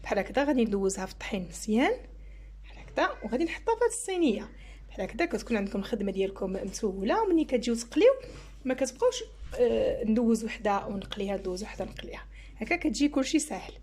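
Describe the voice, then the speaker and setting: A Moroccan-accented woman hosts a home cooking tutorial, talking fast and chatty as she explains every step. Her voice sits a little high, and a faint hum of background noise runs under the recording. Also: very animated, darkish tone. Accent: Moroccan Arabic. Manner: chatty, explains each step while working. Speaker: cooking channel host.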